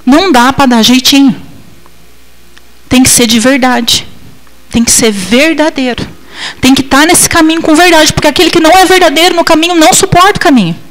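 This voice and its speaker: A woman missionary preaches an emotional testimony sermon, acting out her own past replies with dramatic swings in pitch and loudness. She speaks briskly, and the audio quality is poor.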